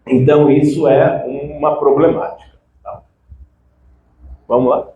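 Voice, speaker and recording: Man, informal lecturer, chatty and animated, slightly high voice, reverberant room. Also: a little slow, phone-quality sound. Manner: animated, conversational, frequent "né" tags. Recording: echoey room with faint background noise.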